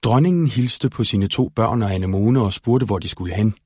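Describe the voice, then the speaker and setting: Husky-voiced male storybook narrator. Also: fairly low pitch, a little mellow, dry recording, studio quality. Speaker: audiobook narrator.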